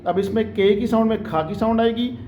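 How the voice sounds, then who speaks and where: A man teaching an online group English lesson over a video call, explaining patiently and drawing out letters and words slowly for students to repeat. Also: sits high, mellow, echoey room, slight background noise. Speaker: English tutor.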